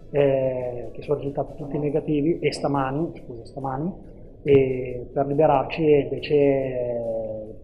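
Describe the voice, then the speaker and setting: A man giving a hesitant post-match interview answer as an assistant coach, captured in low quality on a mobile phone. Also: phone-quality sound.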